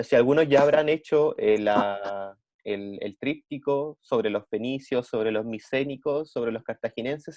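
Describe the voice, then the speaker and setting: A man's voice: a little high, a little mellow, no echo. A young man with a Chilean Spanish accent teaching an online class, explaining step by step and checking with students as he goes. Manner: hesitant, many fillers and restarts. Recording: dry, dull lo-fi audio.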